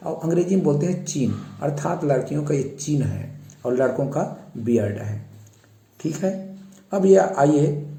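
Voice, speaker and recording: Echoey, dark-voiced male English teacher. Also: mid-range voice, gravelly. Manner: repeats each word slowly, pointing out face parts. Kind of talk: slow explanatory lesson for children.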